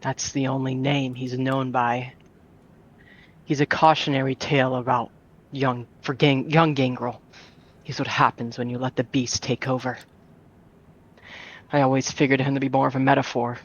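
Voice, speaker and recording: A man voicing a young, lonely, wary female vampire in a visual novel read-through, speaking in a quiet, subdued way. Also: medium pitch, level tone, normal speed, pauses often, dull audio, lightly acted. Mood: shaken. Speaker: streamer voicing a character. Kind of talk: reading a visual novel aloud.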